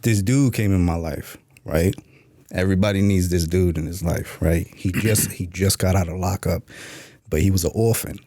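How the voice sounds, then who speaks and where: This low, mellow male voice comes from a New Yorker on a podcast, telling his life story in a streetwise, no-nonsense way and cursing freely. He moves at a moderate pace, the recording has no room sound, and he raises his voice to reenact old dialogue as he shares candid interview stories.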